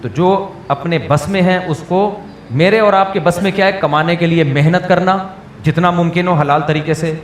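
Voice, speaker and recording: A man's voice: sits high, fairly even intonation. A man, a mufti answering questions from listeners in a plainspoken, teasing way, often checking whether the point has landed. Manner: plainspoken, teasing, keeps asking if the point is understood. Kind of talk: question-and-answer religious talk. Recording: echoey room with faint background noise.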